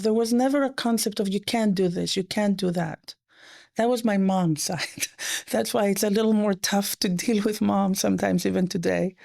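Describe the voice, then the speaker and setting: In this interview, the guest is an economist, a middle-aged woman who grew up speaking French. She narrates anecdotes in rapid, spirited bursts, then hushes almost to a whisper to quote others, her middle-range voice carrying a rough, creaky edge.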